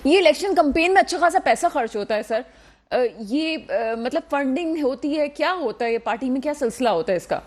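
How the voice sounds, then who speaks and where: A young woman hosting a political TV talk show, unwell with a cold, speaking in a measured, questioning way with frequent hesitations. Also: sits high, lively intonation. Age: young adult. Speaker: news show host.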